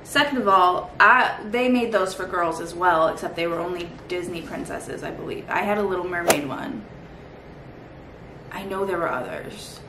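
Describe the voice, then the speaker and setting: A woman's voice: on the low side, normal speed. Sardonic woman in a roomy, echoey space. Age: 30s. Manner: sardonic, sweary, rambling. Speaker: host reacting to old toy commercials. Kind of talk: casual comedic commentary. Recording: roomy echo, faint background noise.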